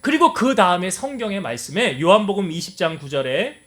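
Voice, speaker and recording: High-voiced male pastor preaching. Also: sing-song, a little fast, a bit bright. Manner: asks the congregation questions and answers them himself. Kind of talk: sermon. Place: church sanctuary.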